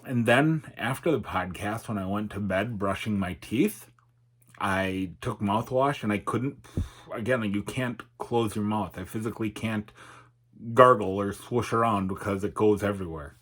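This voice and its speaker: A middle-aged man with a lowish, husky voice talks in a candid, unscripted way. He pauses and feels for his words reflectively, and his articulation is slightly off from numbness on one side of his face. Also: a bit bright. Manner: halting, reflective, hesitant. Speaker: YouTuber and podcaster. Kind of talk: candid personal vlog, unscripted.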